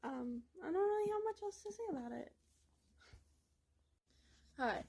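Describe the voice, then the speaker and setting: High-voiced chatty young woman reviewing books. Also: darkish tone, slightly rough, poor audio. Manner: chatty, rambling, lots of "like" and "um". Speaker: book reviewer. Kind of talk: casual book review vlog. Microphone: phone camera.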